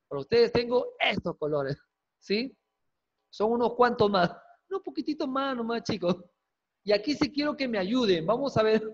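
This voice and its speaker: A man teaching an English class online, lively and coaxing, quizzing students with quick questions and jokes. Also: very high voice. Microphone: video call. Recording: dull lo-fi video call audio.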